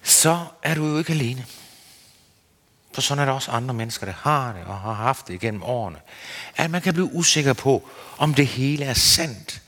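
A man giving an earnest, searching sermon as a preacher, his pitch rising and falling. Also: expressive, sharp tone. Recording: long hall reverb.

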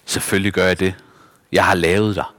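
A man voicing a big, bearded, kindly woodcarver with a deep, strong voice and a gentle, thoughtful manner. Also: flat delivery, in a large hall, slight background noise. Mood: warm.

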